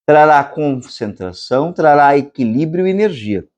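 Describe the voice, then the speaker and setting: A Brazilian man teaches meditation in a slow, measured lecture. His pitch swings widely from phrase to phrase, lifting and dropping as he explains. Now and then he chants long, drawn-out vowels. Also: lively intonation, darkish tone, lo-fi sound. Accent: Brazilian Portuguese. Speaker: meditation instructor. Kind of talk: spiritual lecture.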